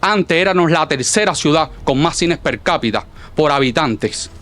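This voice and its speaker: A man's voice: a little high, lively intonation, moderate pace, a bit bright, slight background noise. A man with a Cuban accent delivering a formal political speech in a solemn, declamatory manner, partly from a script. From Cuba. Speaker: political speaker at an exile inauguration.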